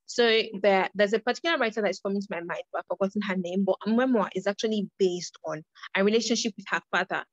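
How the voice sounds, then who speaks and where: A woman's voice: medium pitch, fast, dry recording, lo-fi sound. A young woman leading a creative writing workshop, earnest, often repeating and restarting her phrases. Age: young adult.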